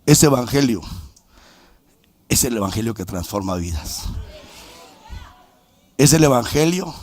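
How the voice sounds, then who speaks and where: A middle-aged man from preaching a sermon as a pastor, telling his own story with quoted dialogue and bursts of shouting. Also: mid-range voice, animated, a little slow. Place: church sanctuary.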